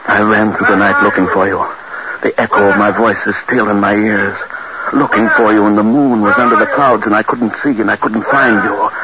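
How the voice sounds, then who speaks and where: A haunted, frantic widower. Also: male voice, fairly low pitch. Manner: gasping, feverish, swings from gruff to frantic shouting. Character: horror-stricken man haunted by his wife's death. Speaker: lead in a radio horror play. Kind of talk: 1940s radio acting. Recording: muffled old radio recording with loud hiss.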